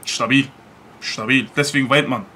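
A man's voice: mid-range voice, steady tone, normal speed, sharp tone, slight background noise. A man doing reaction commentary on a clip, blunt and slangy, mocking and repeating his catchphrases. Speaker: reaction streamer.

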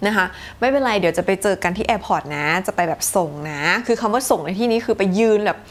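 A woman's voice: mid-range voice, expressive, fast talker. A woman hosting a casual English lesson podcast, talking in an easygoing, chatty way and dropping in example sentences. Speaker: English teacher.

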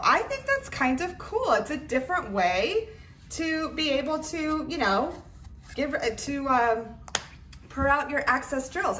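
A woman's voice: high voice, a bit bright, far from the mic. Female hobby reviewer, informal hands-on demo style, roomy sound with faint noise and clicks from handled items. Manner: chatty, informal, talking while handling items. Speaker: craft product reviewer. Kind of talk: casual product demonstration. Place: indoors at a tabletop, roomy. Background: clicks and rattles of handled items.

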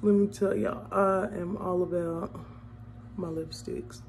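A woman's voice: mid-range voice, level tone, measured pace, vocal fry, darkish tone, a little hiss or hum. A woman chatting casually to viewers as she does her makeup, humming along as she works. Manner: chatty, addresses viewers as y'all, hums while working. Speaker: beauty vlogger. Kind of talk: casual makeup vlog chat.

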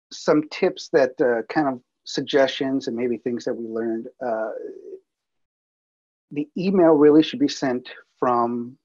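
A man's voice: mid-range voice, darkish tone, breathy edge, highs cut off. A man presenting a workflow over slides in a webinar, talking casually with many fillers and restarts. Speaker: multimedia producer presenting.

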